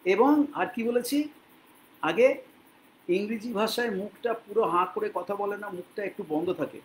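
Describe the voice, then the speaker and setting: A man from Bengal teaching English to learners, speaking patiently and repeating words slowly so they can copy them. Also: high-pitched, slight background noise, poor audio. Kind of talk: spoken English lesson in Bengali.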